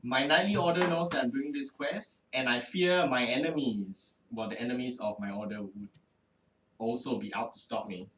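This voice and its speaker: A man's voice: medium pitch, normal speed, a bit bright, slight background noise, natural voice. A man voicing an earnest, frustrated male knight with formal, stiff speech. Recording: roomy, distant mic.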